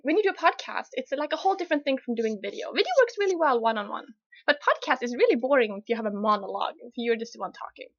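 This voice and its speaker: A woman with a Swedish accent, co-hosting a casual podcast chat, giggly and animated between phrases. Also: a little high, fast, no room sound, dull audio. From Sweden. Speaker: podcast co-host.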